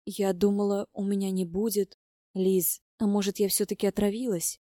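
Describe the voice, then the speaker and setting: A woman's voice: medium pitch, little pitch movement, moderate pace, dark tone, no room sound, studio quality, close to an everyday voice. A woman voicing a frightened, tearful young pregnant woman who complains plaintively.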